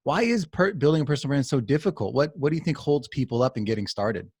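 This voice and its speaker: A man's voice: mid-range voice, expressive, quick pace, a little mellow, slightly rough, dry recording, studio quality. A man hosting a podcast interview, talking conversationally and asking long, searching questions. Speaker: podcast host. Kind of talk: casual interview talk.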